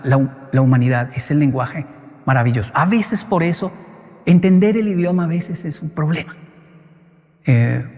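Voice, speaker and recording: A male motivational speaker giving a live talk, animated and acting out bits of dialogue as he answers an audience question. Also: fairly high pitch. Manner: animated storyteller who acts out dialogue. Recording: long hall reverb.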